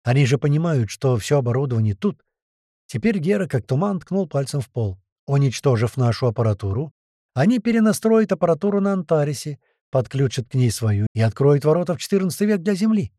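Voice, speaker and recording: A man narrating an action audiobook in an expressive storytelling manner. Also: on the high side, brisk, no room sound, clean studio sound.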